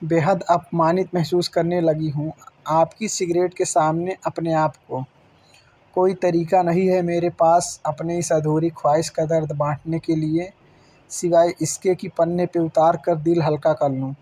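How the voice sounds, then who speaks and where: A man reads as a young pregnant wife pouring her hurt into a letter, slow and sorrowful. The tone stays flat and the voice mellow and dark, somewhat high for a man. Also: husky.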